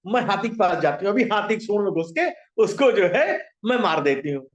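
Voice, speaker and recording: A man voicing a tiny female ant who talks in a hurried, flustered way, in an echoey room. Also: sits high, animated, highs cut off. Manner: hurried, flustered, then bossy.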